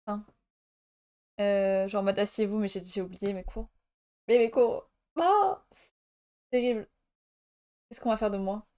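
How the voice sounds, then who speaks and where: A woman's voice: mid-range voice, little pitch movement, moderate pace, long pauses, dark tone, clean tone. A young woman live-streaming from France, chatting casually with viewers and laughing while she jokes in mock Spanish.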